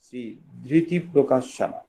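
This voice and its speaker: A man hosting an online webinar, speaking in a formal, measured and respectful way as he presents. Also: mid-range voice, dark tone, slight background noise. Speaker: webinar host.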